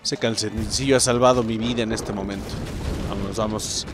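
A man with a Mexican accent doing excitable let's-play commentary, swearing and exclaiming at the game while talking to viewers. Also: on the low side, a little fast, over music. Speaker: gameplay commentator.

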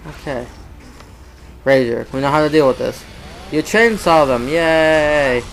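Excitable gamer man, slightly high voice. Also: a little slow, creaky, a little hiss or hum, rough recording. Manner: excitable, talks to the game, repeats words in bursts; self-mocking jokes. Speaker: gamer playing a shooter game. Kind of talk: casual let's-play commentary.

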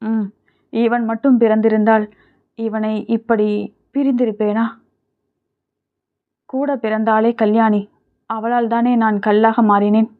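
A woman's voice: on the high side, little pitch movement, unhurried, long pauses, lightly acted. A woman voicing a grieving, strong-willed older widowed mother in an audiobook, speaking emotionally. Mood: anguished. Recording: tinny phone-like sound.

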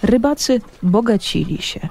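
A man's voice: very high voice, lively intonation, moderate pace, vocal fry, a little mellow. Man narrating a storybook legend. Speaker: audiobook narrator. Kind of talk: scripted narration of a children's legend.

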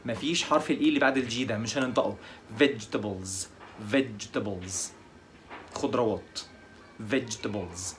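A man with an Egyptian Arabic accent teaching English pronunciation, slowly repeating each word several times. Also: medium pitch, a bit bright, a little hiss or hum. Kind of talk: pronunciation lesson.

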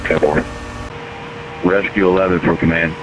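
A man's voice: sits low, fairly even intonation, moderate pace. A man working as a fire incident commander, giving brief procedural orders in terse emergency radio traffic. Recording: noisy fireground radio recording with engine hum.

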